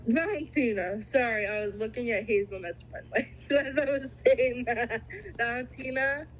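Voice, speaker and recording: A woman's voice: on the high side, moderate pace, slight background noise, low-quality recording. A woman from Canada talking as a podcast guest, blunt, profane and playful. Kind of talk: casual chat.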